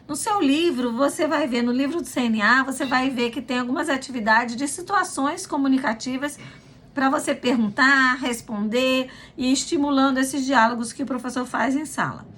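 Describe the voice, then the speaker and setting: A woman's voice: high-pitched, normal speed, a bit bright. A woman with a Brazilian Portuguese accent, a language school director, explaining study tips in a conversational way with frequent fillers. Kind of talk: informal teaching talk.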